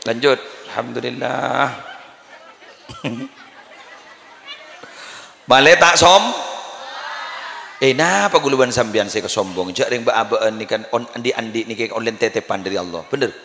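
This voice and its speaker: A man preaching a comic sermon with a Madurese accent, jokey and lively, often laughing and breaking into chant, at a live religious gathering. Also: mid-range voice, unhurried, creaky, pauses often, some chatter behind, a little hiss or hum. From Indonesia. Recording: echoey live hall with ambience.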